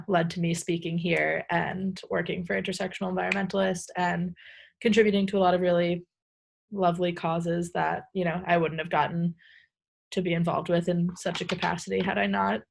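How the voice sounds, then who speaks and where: A woman's voice: fairly low pitch, flat delivery, normal speed, vocal fry, slightly rough. A woman in her twenties from the United States introducing herself on a video call, hesitant and full of filler words. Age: 20s. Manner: hesitant, lots of ums and likes. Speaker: artist speaker. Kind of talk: casual self-introduction.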